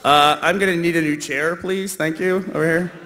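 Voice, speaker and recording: A man's voice: on the high side, steady tone, moderate pace, pushed and bright. A man moderating a live convention panel, joking and laughing often, on a stage mic in a big hall.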